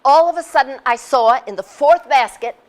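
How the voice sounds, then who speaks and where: A woman in her sixties telling her story in a casual, animated way, laughing often and acting out what people said. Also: high-pitched, normal speed. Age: 60s. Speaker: speaker sharing her experience. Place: community center hall.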